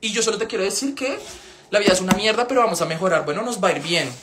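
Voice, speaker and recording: Young Bogotá-accented man, casual livestream chatter into a phone, profane and animated. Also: racing, background noise. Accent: Colombian, Bogotá. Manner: animated, swears a lot, swings into loud high-pitched wails. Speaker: live streamer.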